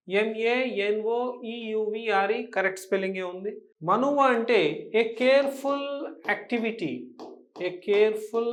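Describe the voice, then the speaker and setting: Telugu-accented man teaching English. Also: high voice. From Telangana, India. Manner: explains patiently, mixes Telugu and English, checks understanding often. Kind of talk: exam-prep lesson.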